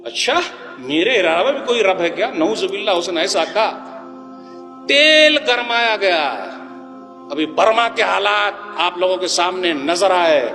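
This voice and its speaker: A man giving an impassioned sermon to a congregation, questioning the audience and swinging between loud and soft. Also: sits high, big-room sound. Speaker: preacher. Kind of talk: Urdu sermon to a live congregation.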